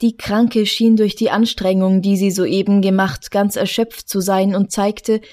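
A woman narrating a literary story in a calm, measured reading voice. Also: medium pitch. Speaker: audiobook narrator.

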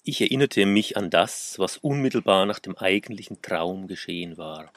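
A man narrating a first-person story in a measured, calm way. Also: low voice, no echo.

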